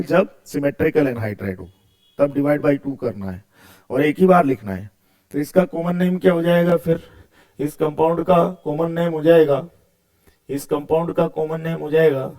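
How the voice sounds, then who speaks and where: A man's voice: on the high side, a little mellow. Male chemistry teacher. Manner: asks questions then answers them, repeats key words. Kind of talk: video lecture.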